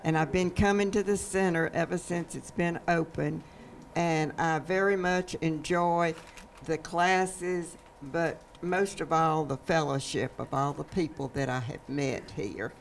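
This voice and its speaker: A woman in her eighties from Atlanta, introducing herself slowly and haltingly. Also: sits low, a little hiss or hum. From Atlanta, Georgia. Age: 80s. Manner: slow, halting, with fillers. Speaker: senior center member. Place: large community room indoors. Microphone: handheld mic.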